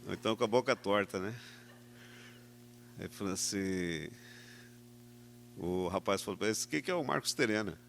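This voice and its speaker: A man's voice: lowish voice, normal speed, vocal fry, long pauses, a bit bright, a little hiss or hum. A middle-aged man with a Brazilian Portuguese accent telling a personal story to an audience, acting out the voices he quotes. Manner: anecdotal, tag questions, acts out quoted voices. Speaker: speaker at a talk. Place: event hall.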